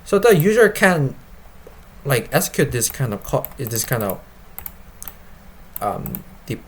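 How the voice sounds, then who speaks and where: A man speaking non-native English, informally explaining and demonstrating his software in a halting way, often repeating and rephrasing himself. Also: medium pitch, sing-song, slightly rough. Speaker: developer presenting his web app. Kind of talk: informal product demo and explanation.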